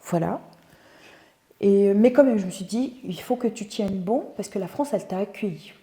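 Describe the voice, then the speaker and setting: A woman's voice: medium pitch, moderate pace, mellow. A woman, a guest telling her story in a casual interview, thoughtful and searching for words. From Tunisia. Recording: roomy echo.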